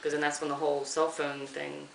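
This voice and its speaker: A woman's voice: low-pitched, level tone, vocal fry, a crowd in the background. Emotional woman recounting an ordeal, echoey room. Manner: halting, emotional, quoting others. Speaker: interviewee. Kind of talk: recounting an experience in an interview. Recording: echoey room, far from the mic, faint hiss.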